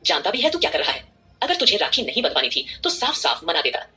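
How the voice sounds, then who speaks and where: A woman's voice: on the low side, huge pitch swings, quick pace, bright, forceful tone, heavily acted. A woman voicing an angry, pained elderly grandfather who scolds his grandson. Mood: scolding.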